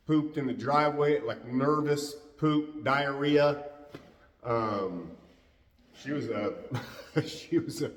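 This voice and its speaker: A man working as a dog trainer, explaining in a calm, easygoing way as he handles a dog. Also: fairly high pitch. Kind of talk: casual on-the-job explanation. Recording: roomy echo, distant from the mic.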